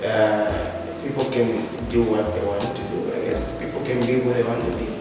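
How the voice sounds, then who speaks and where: A late-teen student from Zambia who speaks thoughtfully and pauses often as he gathers his words. He sounds far from the mic in a big echoing hall, with music behind him. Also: on the low side, fairly even intonation. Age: late teens. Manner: thoughtful, hesitant with many pauses. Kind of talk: casual Q&A chat.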